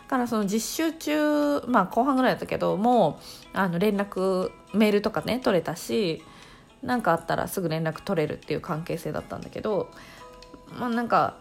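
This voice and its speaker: Animated woman around thirty telling a story. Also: mid-range voice, a little fast, creaky, faint music behind. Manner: animated, laughs often while telling. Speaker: podcast host. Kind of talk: casual storytelling monologue.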